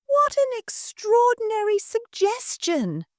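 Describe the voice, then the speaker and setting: A woman voicing a sinister, smooth-talking male aristocrat who purrs menacing politeness. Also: extremely high pitch, wildly swooping pitch, slow, a little mellow, no room sound, studio quality, pitched above the performer's own voice, exaggerated voice.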